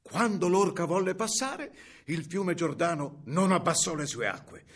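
A man narrating a fairy tale in an expressive, animated reading. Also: fairly high pitch, measured pace, breathy edge. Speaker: storyteller.

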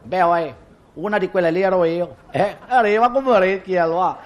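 Comic monologist, high voice, self-mocking patter. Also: male voice, brisk. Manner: chatty, self-mocking, exclamatory asides.

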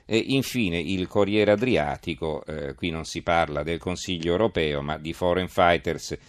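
A man with a low voice presents a press review on live radio. He reads headlines and adds his own commentary. The sound is dry and close, as from a studio microphone. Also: measured pace, no echo.

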